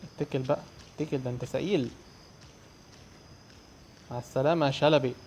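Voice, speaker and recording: A young man with an Egyptian Arabic accent doing fast, excitable commentary on a horror game, yelling and swearing when scared. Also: medium pitch, slight background noise. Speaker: gamer.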